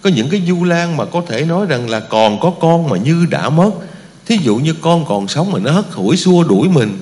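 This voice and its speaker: A man delivers a Buddhist sermon in an emphatic, lively voice whose pitch rises and falls widely. He keeps turning to his listeners with rhetorical questions. His voice rings out in a large hall with a long, lingering reverb. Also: normal speed. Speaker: Buddhist preacher. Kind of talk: sermon to a lay congregation.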